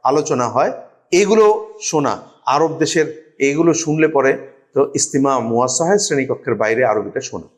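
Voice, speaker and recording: A man giving a teacher-training lecture, reading Arabic phrases aloud and explaining each one, with pauses and fillers. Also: mid-range voice, animated.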